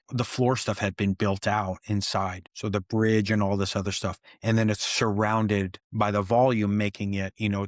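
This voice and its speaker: A man, a stuntman guest, telling set stories in an excited, animated way and acting out quoted dialogue. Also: fairly low pitch, dry recording, studio quality. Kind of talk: animated storytelling interview.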